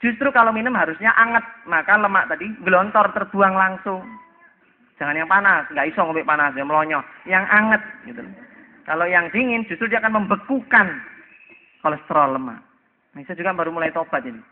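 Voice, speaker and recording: High-voiced Javanese man preaching, lo-fi. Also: fairly quick. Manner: joking, acts out dialogues. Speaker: Islamic preacher. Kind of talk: casual sermon. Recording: tinny phone-like lo-fi audio.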